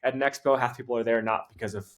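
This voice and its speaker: Fast-talking man telling rambling anecdotes. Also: mid-range voice, steady tone, fairly bright tone. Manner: rambling, lots of fillers and restarts; tells anecdotes, acts out quoted people. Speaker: podcast guest, pro gravel racer. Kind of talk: casual chat.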